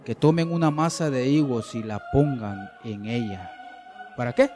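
A man preaching a sermon at a church service, slow and emphatic, repeating phrases and swinging between loud declarations and hushed pleading. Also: mid-range voice, soft background music. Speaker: pastor.

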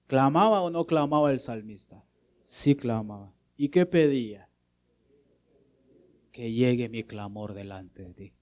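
A man's voice: mid-range voice, expressive, a little slow, pauses often. A man preaching a sermon, asking rhetorical questions and calling his listeners brother. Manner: emphatic preaching with sudden swings in loudness, rhetorical questions; keeps addressing listeners as brother.

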